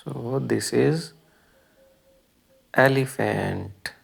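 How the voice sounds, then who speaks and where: A man whose mid-range voice sounds creaky with a breathy edge hosts a children's learning video. Speaking very slowly, he explains the lesson in short, simple phrases and keeps prompting the kids with questions.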